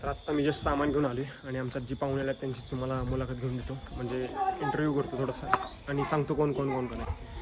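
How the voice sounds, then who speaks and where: A man's voice: medium pitch, flat delivery, quick pace, heavy background noise. A man vlogging casually at a family home, playfully coaxing the children to talk. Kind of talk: casual home vlog chat.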